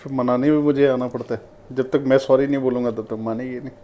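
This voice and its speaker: A man's voice: mid-range voice, level tone, fast, dark tone. A man guest in a casual interview, giving short, reserved answers.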